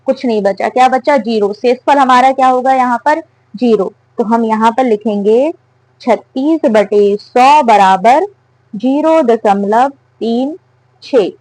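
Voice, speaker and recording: Woman, maths teacher, patient step-by-step explaining, high-ish voice, dry recording. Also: no echo, rough recording. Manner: asks and answers her own questions.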